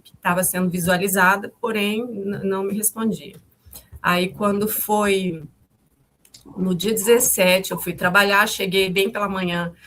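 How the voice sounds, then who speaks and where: A woman's voice: mid-range voice, a bit bright, a little hiss or hum. A woman in her fifties, the mother of the victim, recounting events in a testimony. She speaks hesitantly, repeats herself and restarts often, and calls her own way of talking harsh.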